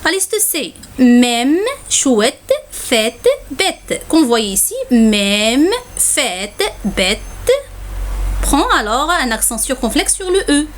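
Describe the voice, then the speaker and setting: A woman's voice: a little high, very animated, extremely slow. A woman teacher giving a spelling lesson, dictating single words with care and saying "alors" often. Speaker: French teacher.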